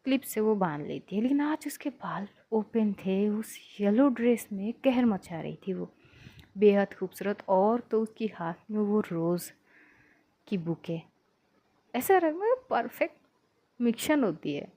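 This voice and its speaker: A woman's voice: mid-range voice, animated, unhurried, mellow. A woman narrating a love story in a casual, chatty retelling, as a storyteller.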